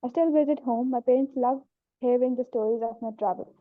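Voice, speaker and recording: A young woman student reading a passage aloud in class, steady and careful. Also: a little high, fairly quick, dry recording, phone-quality sound.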